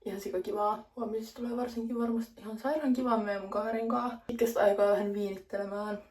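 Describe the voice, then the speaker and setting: Filming herself on a phone at home, a young woman in her twenties keeps up an upbeat, casual chat loaded with fillers. She has a mid-range, slightly mellow voice with fairly even intonation.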